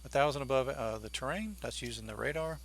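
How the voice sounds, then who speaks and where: A man streams a flight simulator, talking through each step in an informal, think-aloud way. His voice is mid-pitched with a noticeable creak. A light hum sits behind his commentary. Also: expressive, fast.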